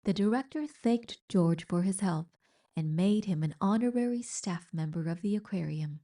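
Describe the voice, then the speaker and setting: With a voice neither high nor low, a woman performs a children's picture book aloud. She takes her time and reads with lively expression, like a practiced storyteller.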